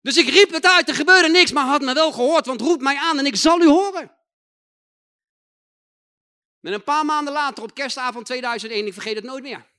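A man preaching a testimony sermon in slangy, emphatic talk, repeating his phrases and building to loud proclaiming. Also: very high voice, fast talker, few pauses.

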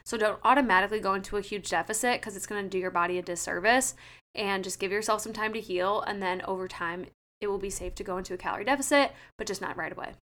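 A woman's voice: mid-range voice, fast talker, fairly bright tone. A woman in her late twenties co-hosting a casual podcast as a trainer, chatty and full of "like". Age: 20s. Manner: chatty, fills talk with "like". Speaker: podcast co-host and personal trainer.

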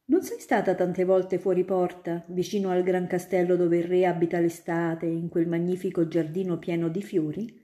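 A woman's voice: lowish voice, moderate pace, natural voice. A woman voicing a kindly young male student who tells a little girl fanciful stories in a storybook reading. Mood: enthusiastic. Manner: animated storytelling. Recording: roomy echo.

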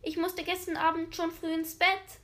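A woman's voice: extremely high pitch, little pitch movement, normal speed, a bit bright, pitched above the performer's own voice. Woman doing a cheeky little schoolboy. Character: cheeky schoolboy, quick and insolent.

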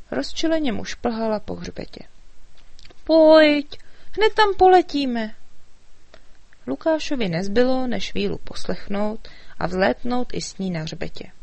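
Woman reading a lively children's story. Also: mid-range voice, gravelly, no echo. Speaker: narrator.

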